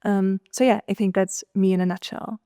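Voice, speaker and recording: A woman's voice: medium pitch, level tone, normal speed, warm tone, smooth, dry recording, clean studio sound. A woman from Austria with a light Austrian accent, chatting as a podcast guest with lots of ums and restarts. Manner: chatty, many ums and restarts, laughs easily. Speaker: guest, nutritional scientist. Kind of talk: casual podcast conversation.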